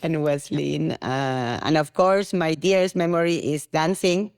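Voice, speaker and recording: A woman's voice: low voice, a little slow, a little mellow, smooth, dry recording, clean studio sound. A middle-aged woman from Argentina with an Argentine accent, a podcast guest talking casually and laughing often, with many "you know" fillers. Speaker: guest, tango studio founder.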